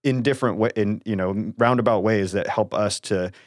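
A man's voice: on the low side, moderate pace, no echo, studio quality. A man hosting a casual Bible study discussion, talking hesitantly with many fillers. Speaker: host of a Bible study podcast.

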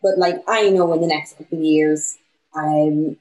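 Young woman, west of Ireland Donegal accent, lower voice, casual interview guest. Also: fairly even intonation, moderate pace, darkish tone, rough recording. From County Donegal, Ireland. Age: young adult. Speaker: small film business owner, interview guest.

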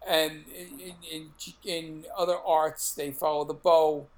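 A man's voice: fairly high pitch, flat delivery, measured pace. A middle-aged man with a Brooklyn accent, co-hosting a podcast in casual, blunt, jokey chat. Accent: Brooklyn, New York. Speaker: podcast co-host.

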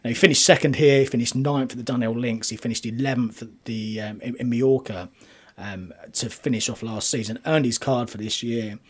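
A man talking through golf form, statistics and betting picks as a commentator, in a conversational, analytical way with a slightly husky voice. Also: medium pitch, fairly quick.

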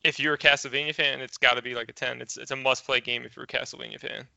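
A man's voice: mid-range voice, flat delivery, fast talker, vocal fry, background noise. A man chatting casually as the gaming correspondent on a podcast. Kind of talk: casual chat. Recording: dry, slightly lo-fi close recording.

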